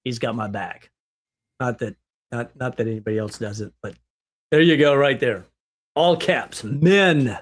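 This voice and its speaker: A man leading an animated Bible study discussion, asking rhetorical questions and exclaiming often. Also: medium pitch, unhurried, pauses often. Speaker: livestream Bible teacher.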